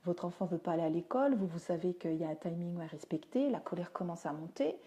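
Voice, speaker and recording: A woman's voice: lowish voice, lively intonation, fast, dark tone. A woman giving a chatty, down-to-earth live talk, answering viewers' comments as she goes. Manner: chatty and down-to-earth, with frequent fillers. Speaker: teacher and parenting speaker. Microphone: phone or webcam for a livestream.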